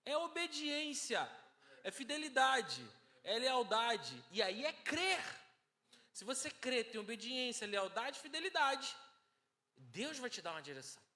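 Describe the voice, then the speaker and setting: A man with a Brazilian Portuguese accent preaching a sermon with personal testimony, moving from hushed storytelling to loud exhortation. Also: very high voice, very animated, measured pace. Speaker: pastor. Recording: long hall reverb.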